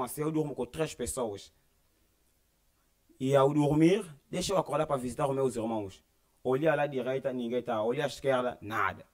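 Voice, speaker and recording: A young man, a church member, delivers an earnest religious testimony about his own life in an Angolan Portuguese accent. His voice is mid-range and slightly mellow, and he acts out the dialogue he quotes.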